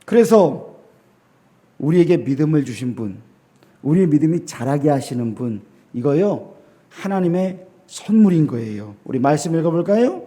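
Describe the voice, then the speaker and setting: A middle-aged man preaching a sermon as a pastor in a church, emphatic, with rhetorical questions to the congregation and sudden drops to a quiet voice. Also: sing-song, moderate pace. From South Korea. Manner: swings between loud emphasis and low, quiet lines.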